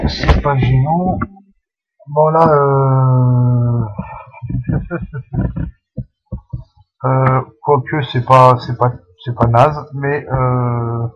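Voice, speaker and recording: A man's voice: medium pitch, lo-fi sound, slight background noise. A man casually talking through a game tutorial, hesitant and full of fillers and restarts. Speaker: channel host explaining a game.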